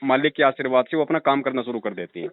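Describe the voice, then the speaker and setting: A man's voice: medium pitch, expressive, fast talker, no room sound. A man giving earnest, preachy religious advice on a phone call whose connection keeps breaking up. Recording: dry, tinny phone line.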